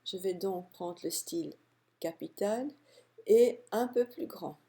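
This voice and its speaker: A woman calmly walking through a software tutorial step by step, narrating her clicks. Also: medium pitch, slightly rough. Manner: calm step-by-step explaining, unhurried. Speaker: software instructor. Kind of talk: screen-recorded software tutorial.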